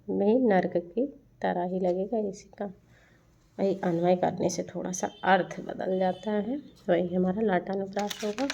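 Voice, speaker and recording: Slow, measured woman teaching Hindi. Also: mid-range voice, dark tone. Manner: recites verse lines slowly, then explains them. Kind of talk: lecture on poetic figures of speech. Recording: dull lo-fi sound.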